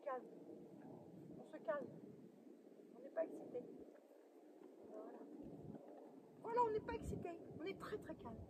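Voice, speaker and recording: A high, lively woman coaxes and soothes a horse with short commands, often dropping to a hushed voice. Her pitch jumps all over the place as she talks. The sound comes from a camera some distance away, with noticeable noise in the background. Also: measured pace, pauses often. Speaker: horse trainer. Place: outdoors in a field with a horse. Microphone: camera mic at a distance.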